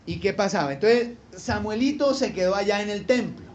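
A man preaches a sermon, his voice pitched high and swinging up for emphasis. He works the room with rhetorical questions and acts out the people in his stories. The recording sounds a little dull and lo-fi, with faint noise underneath. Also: normal speed, a little mellow. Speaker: pastor.

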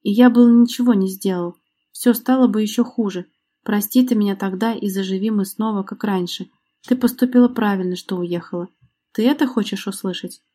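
A woman's voice: medium pitch, fairly even intonation, a little fast, mellow, close to an everyday voice. A woman reading an audiobook, voicing a bitter, confrontational man with a sarcastic, accusing manner.

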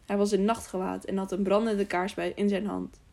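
A woman's voice: mid-range voice, flat delivery, brisk, vocal fry, a little mellow. A woman narrating an audiobook. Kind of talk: scripted narration.

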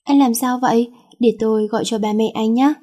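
A woman's voice: a little high, fairly even intonation, fairly quick, warm tone, lightly acted. A woman voicing a feisty teenage schoolgirl who scolds and then coaxes sweetly, her voice raised above her narrating tone. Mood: worried. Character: feisty teenage schoolgirl, bossy yet caring.

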